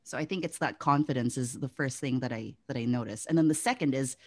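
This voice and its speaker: A woman's voice: very deep voice, fast talker. A young woman from the Philippines, co-hosting a casual podcast chat, laughing often and trailing off mid-thought. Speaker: podcast co-host.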